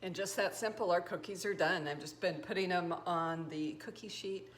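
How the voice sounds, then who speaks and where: A woman's voice: lowish voice, normal speed. An older woman hosting a cooking video, chatting enthusiastically through a recipe with fillers, in a home kitchen. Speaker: cooking show host. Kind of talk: casual recipe demonstration.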